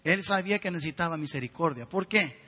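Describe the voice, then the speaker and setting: A man's voice: a little high, animated, fast talker, pushed and bright, husky, long reverb tail. A man preaching a sermon with fervor, often turning to ask the listeners direct questions.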